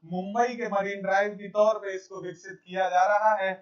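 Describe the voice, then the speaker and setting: A man's voice: sits high, flat delivery, moderate pace, highs cut off. A man giving a current affairs exam lecture over slides, repeating key facts and calling his viewers friends. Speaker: exam coaching teacher.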